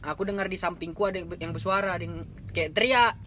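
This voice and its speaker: A man's voice: high voice, fast talker, pushed and bright, a little hiss or hum. A man telling a camping ghost story in casual chat, rambling and slangy. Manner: rambling, slangy, repeats himself while describing. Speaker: storyteller on a horror podcast.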